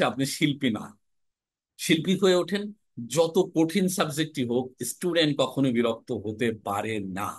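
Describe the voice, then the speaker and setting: A young man from Bangladesh teaching a class on recitation and speech, lively and animated, often dropping into regional dialect examples. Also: medium pitch, no room sound. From Jhenaidah, Bangladesh. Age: young adult. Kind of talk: classroom lecture.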